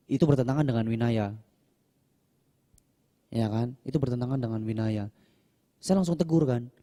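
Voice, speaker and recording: A young man, a Buddhist monk, chatting casually in a question-and-answer talk without a microphone, acting out the people in his stories. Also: dark tone. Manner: chatty, acts out quoted people with raised pitch. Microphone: no microphone, voice sometimes quiet.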